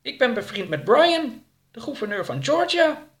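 Man playing a wide-eyed naive youth for a storybook, high and lively. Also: moderate pace. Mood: innocent. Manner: innocent, eager questions. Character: odd, naive young man, cheerful and literal.

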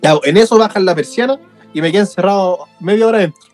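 A man's voice: sits high, fast, soft background music. A young Chilean man with a Chilean accent, telling a story in casual chat, laughing often. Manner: laughing, animated anecdote with acted-out quotes.

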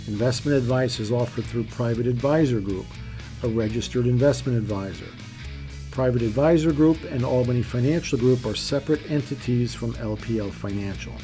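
Mellow man reading a formal script. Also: medium pitch. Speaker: financial podcast host. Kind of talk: scripted narration.

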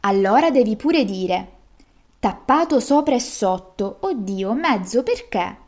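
A woman voicing a clever young peasant girl who sets riddles slowly and deliberately, as she reads a folk tale aloud. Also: on the high side, very animated, darkish tone, full character voice. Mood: sly.

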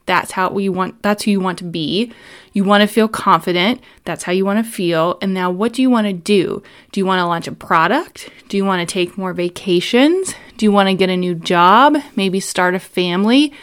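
On her solo podcast, a mid-range-voiced woman in her thirties walks listeners through planning advice. Her delivery is upbeat and instructional, organised into clear steps.

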